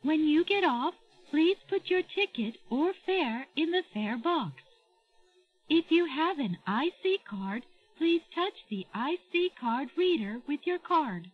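A woman giving a recorded train announcement over the loudspeaker, formal and carefully enunciated. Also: high voice, lively intonation, very slow, faint music behind. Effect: played over a train loudspeaker. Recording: dull lo-fi train audio.

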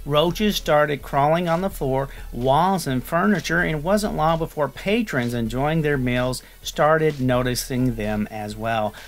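A man's voice: fairly high pitch, a bit bright. A man hosting his own channel, reading a news article aloud and adding loose, jokey asides.

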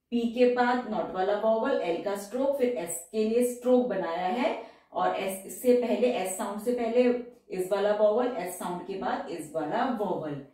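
A woman teacher works through shorthand exercises step by step and slowly repeats each example word. Her tone is dark and mellow. She sits away from the mic in a strongly echoing room. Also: mid-range voice, recorded from a distance. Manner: slow, careful repetition of example words. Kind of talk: step-by-step tutorial.

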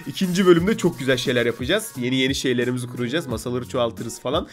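A man's voice: medium pitch, very fast, soft background music. A man with a stuffy nose from a cold, hosting a casual let's-play and chattily bossing the game's customers around. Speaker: gaming video host.

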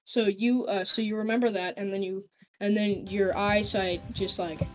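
A woman's voice: mid-range voice, steady tone, moderate pace, soft background music. A young woman narrating as game master in a tabletop game, casual and rambling with frequent restarts.

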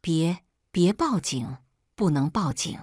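A wheedling young daughter, pregnant and scheming, stammering as she begs for money, as a woman reading the story puts her on. Her voice sits fairly low and sounds dry and close, with no room around it. It is plain storybook telling, not a showy performance. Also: animated, slow, a little mellow, slightly rough, no room sound, exaggerated voice. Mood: pleading. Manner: pleading, stammering. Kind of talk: scripted storytelling.

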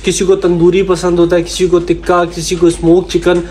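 A man's voice: high voice, completely flat delivery, brisk, a little mellow, a little hiss or hum. Chatty young man vlogging at home. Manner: chatty, coaxing and playful with the baby. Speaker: vlogger host. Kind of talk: casual vlog chat. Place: home kitchen and living room, indoors. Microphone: phone camera held at arm's length.

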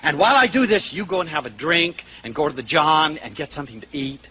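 A man's voice: on the high side, expressive, fairly quick, sharp tone, slight background noise. A man voicing a cheerful woman who offers to look after stranded travelers' children. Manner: friendly, offering help. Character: cheerful helpful woman at an airport.

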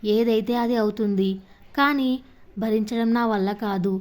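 A woman's voice: fairly high pitch, steady tone, unhurried, lightly acted. Woman reading as a firm young office worker. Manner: firm, frank speech. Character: young working woman, tired of being pushed around.

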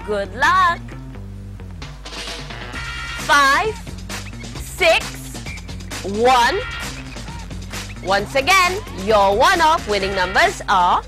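A young woman presenting a scripted televised lottery draw, announcing numbers in a formal, measured way. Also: high-pitched, pushed and bright. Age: young adult. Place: TV studio. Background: faint music.

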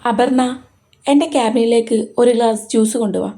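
Brief: woman doing a doting young hero boss, gentle coaxing, mellow voice. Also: a little high, moderate pace, natural voice. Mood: commanding. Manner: coaxing, tender. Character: tender young male boss, protective lover.

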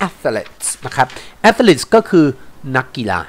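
A man from Thailand giving an English lesson at a medium pitch. He says words slowly, repeats them, then explains in quick bursts with polite endings. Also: sing-song. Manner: ends phrases with polite particles. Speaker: English teacher.

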